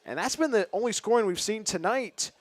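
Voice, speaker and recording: Play-by-play caller, Californian man, high voice, close dry headset sound, chatty. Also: no echo. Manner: fast, chatty, excitable call. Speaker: play-by-play announcer. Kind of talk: play-by-play commentary.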